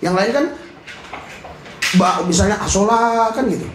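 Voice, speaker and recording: A man with a very high voice preaches a jokey, animated sermon. He often shouts and laughs as he goes. The sound is roomy, with a congregation audible behind him. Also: measured pace, a crowd in the background. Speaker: pastor. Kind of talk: lively sermon. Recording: echoey hall with congregation.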